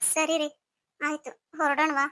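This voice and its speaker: A woman's voice: high voice, flat delivery, normal speed, bright, forceful tone, no echo. A woman voicing a tearful young wife. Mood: anxious. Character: gentle young pregnant wife, anxious and tearful. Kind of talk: melodramatic audio story acting.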